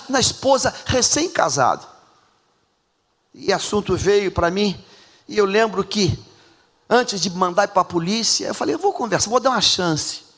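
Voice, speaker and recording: A man's voice: high voice, fairly bright tone. Carioca pastor guy preaching hard, emphatic, lots of repeats, echoey church hall. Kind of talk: sermon. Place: large church sanctuary.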